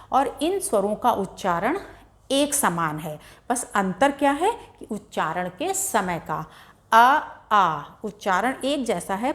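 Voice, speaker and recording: A woman teaching Hindi grammar, explaining vowel sounds and stretching each vowel out to demonstrate its length. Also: medium pitch. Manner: slow, drawn-out vowel demonstrations. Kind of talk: classroom lesson explaining pronunciation.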